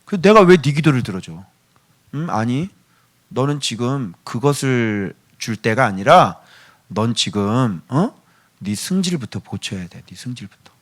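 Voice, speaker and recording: A preacher putting on a weary, doting God. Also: male voice, extremely high pitch, normal speed, sharp tone, pitched above the performer's own voice. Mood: stern. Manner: weary, indulgent scolding. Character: God, exasperated yet doting father figure.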